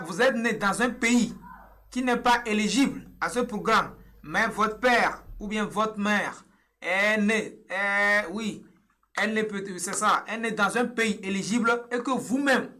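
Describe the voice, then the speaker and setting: A young man from Togo with a bright, high-pitched voice guides viewers through filling in a form on screen. He explains each step patiently and repeats himself, pausing often with small hesitations. He is recorded on a webcam in a small indoor room. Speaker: online tutorial presenter. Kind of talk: screen-share tutorial walkthrough.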